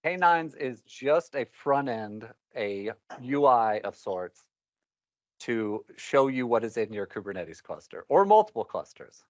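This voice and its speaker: A man's voice: mid-range voice, very animated, a little slow, no echo. A man presenting a technical talk to a live meetup audience, wry and rambling, with candid asides. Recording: dull, muffled meetup recording.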